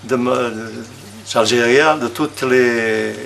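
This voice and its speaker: A man in his sixties from Portugal, speaking haltingly with many pauses in a documentary interview. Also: medium pitch, steady tone, creaky, fairly bright tone. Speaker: resident.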